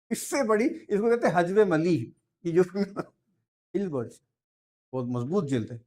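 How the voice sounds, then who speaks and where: A man giving an informal, discursive lecture, with asides and soft laughs, and reading verse slowly. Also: a little high. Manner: reads verse slowly and drawn out.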